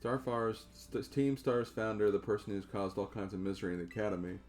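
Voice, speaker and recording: A man's voice: fairly low pitch, level tone, a little fast, darkish tone, faint music behind, natural voice. A man voicing a shy, sleepy teenage girl in a game who talks hesitantly and trails off, in a voice close to his own. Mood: flustered.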